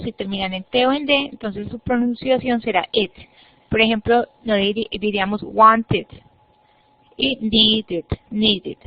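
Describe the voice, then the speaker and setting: A woman with a voice on the high side teaches an online English class, patiently explaining each step and modelling words for her students to repeat. The audio, from a computer mic on a video call, is muffled and dry.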